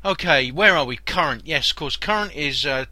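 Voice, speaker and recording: A man's voice: a little high, lively intonation, normal speed, pushed and bright. A man giving an informal physics lesson as a podcast teacher, conversational and repeating key points for emphasis. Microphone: body-worn mic near the shirt.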